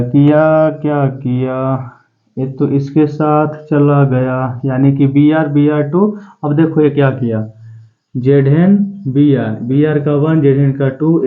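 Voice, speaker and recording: A man teaching a chemistry class in a relaxed, reassuring way, drawling formulas out slowly and calling students "bachcha". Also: medium pitch. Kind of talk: classroom lecture. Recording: tinny phone-like sound.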